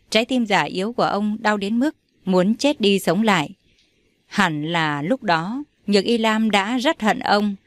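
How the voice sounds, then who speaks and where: A woman narrating a melodramatic novel in an expressive storytelling manner. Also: mid-range voice, no echo. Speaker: audiobook narrator.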